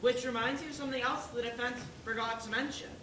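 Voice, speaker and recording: A woman's voice: on the high side, steady tone, quick pace, lightly acted. A woman playing a reasonable pig juror who argues and questions in a stage play. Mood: reasoning, doubtful. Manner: questioning, argumentative. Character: reasonable pig juror, calmly doubting the wolf's guilt. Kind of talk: school stage play acting. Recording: roomy, distant, noisy stage recording.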